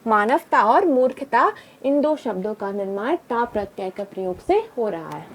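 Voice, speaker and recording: High-voiced woman teaching grammar. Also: expressive, moderate pace, a little hiss or hum. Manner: repetitive, drilling with reminders and quiz questions. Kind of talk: grammar lesson.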